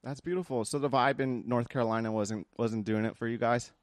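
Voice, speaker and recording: A man's voice: mid-range voice, steady tone, brisk, no echo, studio quality. A man from the United States hosting a podcast, talking in a friendly, enthusiastic, rambling way. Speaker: podcast host. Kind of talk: casual interview chat.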